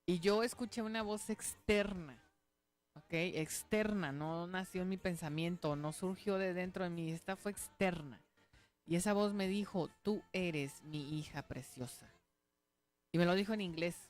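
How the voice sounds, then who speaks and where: A woman's voice: on the low side, normal speed. A woman pastor, giving a conversational radio sermon and testimony, earnest, often checking in with her listeners.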